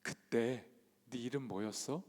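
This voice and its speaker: A man preaching voices a gentle, patient teacher questioning a disciple softly and tenderly, in a long church hall reverb. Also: slow pace. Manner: soft, quiet and lowered, asking tender questions. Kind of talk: acted quote in a sermon.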